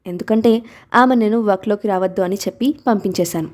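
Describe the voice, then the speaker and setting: A calm, loving young father from a storybook, gentle and a little teasing, as a woman reader voices him. The tone is warm and mellow, in an everyday reading voice. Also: mid-range voice, fast talker, lightly acted.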